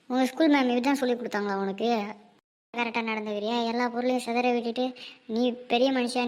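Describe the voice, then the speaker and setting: A woman's voice: high voice, a little mellow, lightly acted. A woman voicing two young sisters in a homemade cartoon, one bossy and one cheeky, teasing and whining at each other. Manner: bickering, teasing, sing-song whining.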